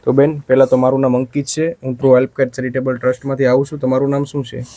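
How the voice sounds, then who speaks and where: Guy from a charity asking gentle questions, talks fast, pretty flat. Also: medium pitch, soft background music. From Gujarat. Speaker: charity worker interviewer. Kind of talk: interviewing.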